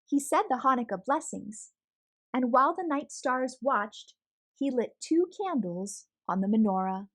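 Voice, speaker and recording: With a fairly high voice and a measured pace, a woman reads a children's picture book aloud. Her storytelling is lively and expressive.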